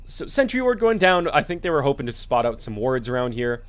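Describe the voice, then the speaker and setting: A man's voice: mid-range voice, very animated, a little fast, clear, resonant tone. A man commentating a video game match alone, laid-back and explanatory with many fillers, sleepy and yawning. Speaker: esports commentator. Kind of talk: solo play-by-play game commentary.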